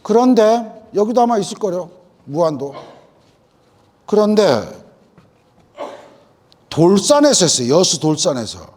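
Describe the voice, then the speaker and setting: A man's voice: high-pitched, sing-song, unhurried, long pauses, darkish tone. A middle-aged man lecturing farmers in a hall, telling folksy anecdotes and acting out what people said to him. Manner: folksy, tells anecdotes, acts out farmers' lines. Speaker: agricultural lecturer.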